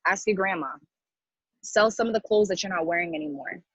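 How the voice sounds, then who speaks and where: A woman with a lowish, husky, slightly bright voice leads a sales team training call, coaching briskly in a casual, motivational way. She's blunt and slangy and hammers her key phrases through repetition. The recording is dry, dull, and lo-fi.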